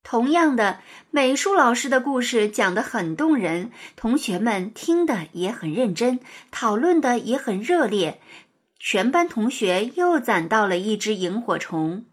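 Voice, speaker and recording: A woman narrating a children's story in an expressive, sing-song storytelling manner. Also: fairly high pitch, measured pace, breathy edge.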